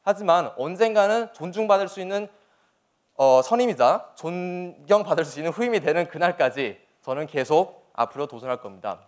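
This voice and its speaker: High-pitched, animated young man giving a speech. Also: normal speed. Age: young adult. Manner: earnest, emphatic, rhetorical questions. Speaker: soldier giving a motivational speech. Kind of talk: motivational public speech to an audience.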